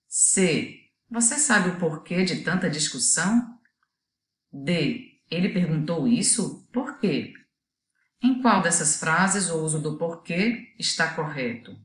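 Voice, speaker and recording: Low-voiced Brazilian woman teaching a lesson. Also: animated, takes it slowly, long pauses, roomy sound. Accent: Brazilian Portuguese. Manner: patient, explanatory, asks students to think. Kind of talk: video lesson.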